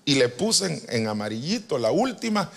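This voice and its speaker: Man, sermon, fairly high voice, very lively pitch, joking, loud then soft. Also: normal speed, gravelly. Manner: animated, joking with the congregation, swings from loud to soft. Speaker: apostle preaching. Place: church retreat hall.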